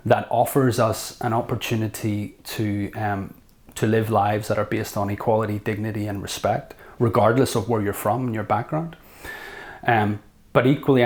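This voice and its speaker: A middle-aged man with a Northern Irish accent, a guest academic talking in an interview, thoughtful and reflective, often pausing and restating his points. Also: on the low side. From Northern Ireland. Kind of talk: conversational interview.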